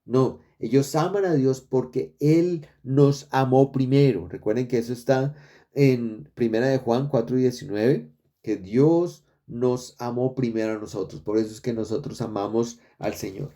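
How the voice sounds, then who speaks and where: Mellow-voiced man preaching a sermon. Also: mid-range voice, a little slow. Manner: earnest, repeats words for emphasis, addresses listeners as brothers. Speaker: pastor. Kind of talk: expository sermon. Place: church.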